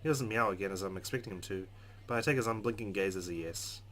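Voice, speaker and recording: Playing a visual novel as a let's player, a man reads the narration aloud expressively, adding casual, wry asides. His fairly low voice is a bit bright and fast, set against game music featuring guitar.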